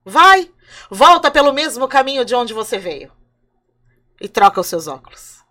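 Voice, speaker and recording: A woman's voice: fairly high pitch, big pitch swings, bright, forceful tone. A woman voicing a stern, wise male Creator figure in an oral storytelling, speaking firmly and scolding. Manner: firm, scolding, unhurried.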